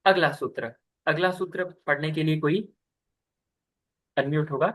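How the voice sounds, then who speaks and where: A man's voice: fairly high pitch, fairly even intonation, unhurried, a bit bright. A young man teaching a scripture class over a video call. He explains step by step and keeps checking in with his students. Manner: patient, explains step by step and often asks "ठीक है".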